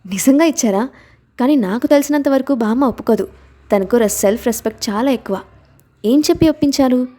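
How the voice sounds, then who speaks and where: A woman voicing a quick-tempered young wife. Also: mid-range voice, dark tone, lightly acted. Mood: eager. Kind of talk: dramatized audiobook reading.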